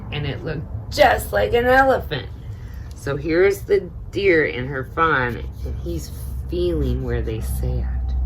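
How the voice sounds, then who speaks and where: A woman with a bass voice reads a children's picture book aloud expressively, adding informal comments of her own along the way. She is a storyteller and teaching assistant. The audio is poor, with noticeable background noise.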